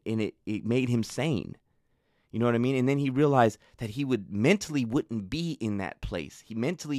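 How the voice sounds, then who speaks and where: A man hosting a show who tells stories in a rambling, conversational way, full of fillers, and gets animated when he recounts frustration. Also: fairly low pitch, no echo, studio quality. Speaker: show host. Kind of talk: casual storytelling talk.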